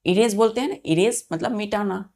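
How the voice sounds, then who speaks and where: A woman's voice: medium pitch, brisk, a little mellow. A woman teacher teaching English vocabulary to students, spelling words letter by letter and repeating each meaning while asking the children whether they follow. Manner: asks the children questions and checks they follow. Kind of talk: vocabulary lesson for exam students.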